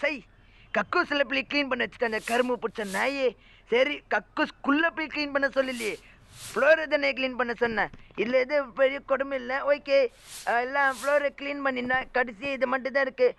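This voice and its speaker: A man talks through a game in an excitable, mocking way, piling up exclamations. His voice sits very high, with a gravelly edge and a bright, sharp tone. It is comic gameplay commentary from a gaming channel. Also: brisk. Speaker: gaming YouTuber.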